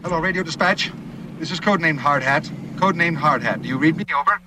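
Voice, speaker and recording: A man's voice: fairly high pitch, quick pace, noisy background. An actor playing a goofy man calling a radio dispatcher, heard over a two-way radio, giggling and repeating his call sign.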